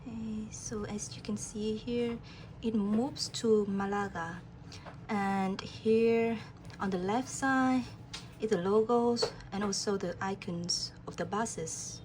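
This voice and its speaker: Slow, calm woman demoing software. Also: medium pitch, noisy background. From Vietnam. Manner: calm, guiding the viewer step by step. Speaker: program applicant demoing her task. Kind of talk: screen-recorded software demo.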